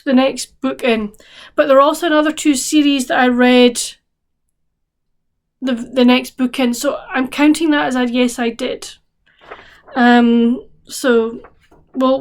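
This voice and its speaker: A book vlogger with a fairly high voice chats casually to her viewers on camera. She sounds a bit tired and yawns, rambling along with many restarts and fillers.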